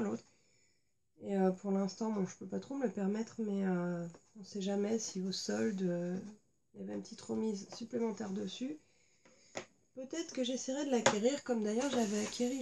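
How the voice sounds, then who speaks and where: A woman talks casually at home, pausing often with fillers as she shows things. Her voice is gravelly and mellow, with a touch of fry. Faint noise hangs behind her. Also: mid-range voice. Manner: chatty, many fillers, hesitant. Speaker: beauty vlogger. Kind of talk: casual unboxing chat. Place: indoors at home.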